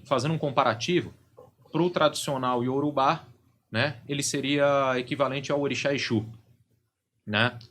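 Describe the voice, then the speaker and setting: A man's voice: medium pitch, a bit bright, slightly rough. A middle-aged Brazilian man, a podcast guest and religious leader, explaining at length and often checking in with "né?" and "entende?".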